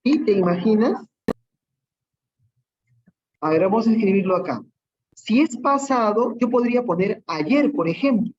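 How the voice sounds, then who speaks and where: Teacher, Peruvian accent, patient, repeats examples, frequent tag questions, medium pitch, muffled lo-fi audio. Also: lively intonation, unhurried, pauses often, darkish tone, a little hiss or hum. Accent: Peruvian Spanish. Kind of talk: online class lesson.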